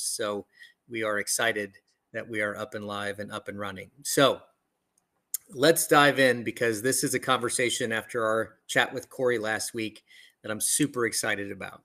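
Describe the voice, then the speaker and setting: Man, podcast host, upbeat, welcoming, video call, bright forceful tone. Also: mid-range voice. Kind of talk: live podcast hosting.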